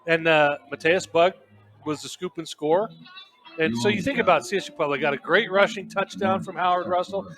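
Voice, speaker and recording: A man's voice: high voice, brisk, over music. A man giving color commentary on a college football radio broadcast, opinionated and emphatic. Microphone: broadcast booth microphone.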